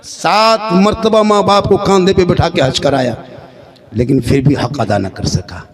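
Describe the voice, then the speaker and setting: High-voiced male preacher declaiming. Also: measured pace. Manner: emotive, declaiming, sometimes shouting, sing-song. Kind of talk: religious sermon with dramatic storytelling. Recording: crowd noise behind.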